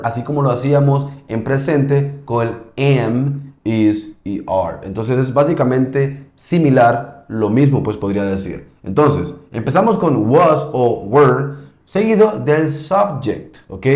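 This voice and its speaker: A man teaching an English grammar lesson, explaining slowly and patiently and often checking in with "ok?". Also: medium pitch, a little mellow, echoey room. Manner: patient, repeats points, checks in with "ok?".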